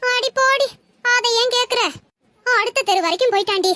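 A woman's voice: extremely high pitch, moderate pace, sharp tone, dry recording. A woman playing an exasperated scolding mother. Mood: complaining. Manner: scolding, rambling complaints. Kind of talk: comedy sketch acting.

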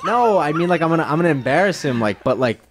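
A man's voice: a little high, sing-song, fast, loud music behind the voice. A young man chatting casually while playing a video game, rambling through stories and jokes with a co-host. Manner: rambling storyteller, does silly voices. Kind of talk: casual let's-play chat.

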